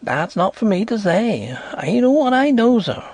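A man's voice: high-pitched, big pitch swings, normal speed, a little mellow, dry recording, pitched above the performer's own voice, exaggerated voice. A man doing a superstitious old country housekeeper. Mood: ominous. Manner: rustic dialect grammar, solemn warnings. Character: old rural woman servant, placid, superstitious. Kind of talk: audiobook character voice.

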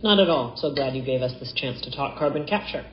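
An actress playing an eager, persuasive clean-tech business pitcher in a TV drama, heard through a roomy, dull soundtrack. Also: female voice, expressive, quick pace, slight background noise.

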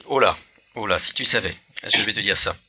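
A man's voice: fairly low pitch, a little fast, creaky, pushed and bright, breathy edge. A man hosting a casual podcast chat, hesitant, with many filler sounds and restarts. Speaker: podcast host.

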